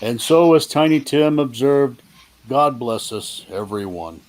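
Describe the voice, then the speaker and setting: A man's voice: medium pitch, animated, measured pace, darkish tone. A man narrating a classic story from a script in a live play reading.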